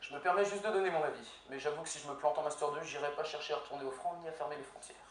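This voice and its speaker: A young man, a law student, giving a prepared humorous speech in an eloquence contest, with deadpan, ironic punchlines. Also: on the high side, very fast. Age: young adult. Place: university lecture hall with audience. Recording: echoey hall, far from mic, faint noise.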